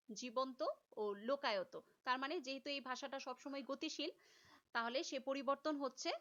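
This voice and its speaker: High-voiced woman teaching a lecture. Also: a bit bright, muffled recording. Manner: explains step by step, repeats key terms. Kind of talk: recorded class lecture.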